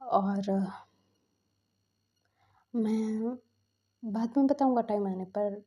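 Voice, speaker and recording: A woman voicing a young adult man who evasively pleads with his mother, speaking softly and hushed. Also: on the high side, extremely slow. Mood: pleading.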